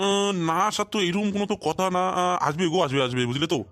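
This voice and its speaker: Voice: mid-range voice, lively intonation, fast talker, a bit bright, no room sound, clean studio sound, voice pushed down, lightly acted. A performer voicing a worried, welcoming older father-in-law in a cartoon who repeats his words. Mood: fond fussing. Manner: repeats words, anxious fussing.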